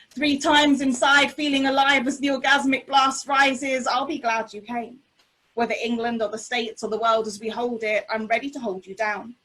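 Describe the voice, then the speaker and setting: A woman slam poet performing spoken-word poetry with a deliberate, rhythmic, intense delivery. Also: fairly high pitch, a bit bright, low-quality recording. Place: remote online video call.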